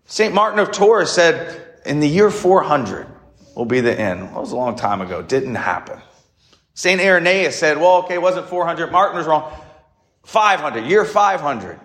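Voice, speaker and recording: A man's voice: fairly high pitch, roomy sound. A man preaching a homily as a priest, explaining in a conversational way with rhetorical questions and short emphatic phrases.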